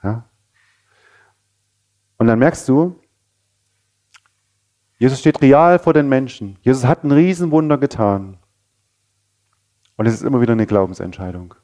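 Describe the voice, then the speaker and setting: Preacher with a dark mellow voice. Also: male voice, medium pitch, animated, measured pace, pauses often. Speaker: pastor. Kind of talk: sermon.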